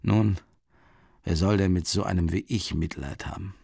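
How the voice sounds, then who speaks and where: A man voicing a drunken, self-pitying old ex-official in an audiobook, pleading and rambling with a voice that swings up high. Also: normal speed, gravelly, dark tone, breathy edge, no room sound, studio quality, full character voice. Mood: pleading, maudlin.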